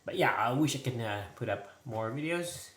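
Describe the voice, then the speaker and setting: A man's voice: medium pitch, expressive, normal speed, a bit bright. A man talking casually and hesitantly in an off-the-cuff vlog recorded indoors at home. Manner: hesitant, loose, off-the-cuff talk. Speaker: vlogger. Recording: echoey room, faint noise.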